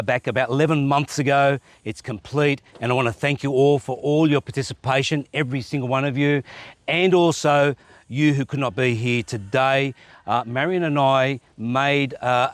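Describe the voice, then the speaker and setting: A man's voice: medium pitch, no echo. A man hosting a casual vlog, talking to friends and to the camera. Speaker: host.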